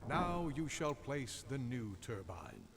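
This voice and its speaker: An actor voicing a wrathful, godlike machine in a video game, speaking like a thunderous prophet in grand, archaic commands. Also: male voice, mid-range voice, wildly swooping pitch, slow, vocal fry, a bit bright, a little hiss or hum, full character voice. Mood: stern, commanding.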